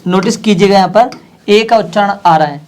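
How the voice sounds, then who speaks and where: A man's voice: high voice, brisk, a little mellow, slight background noise. A man teaching a language lesson, patiently repeating each phrase and word and asking his listeners questions he then answers himself. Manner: addresses listeners directly, asks and answers his own questions.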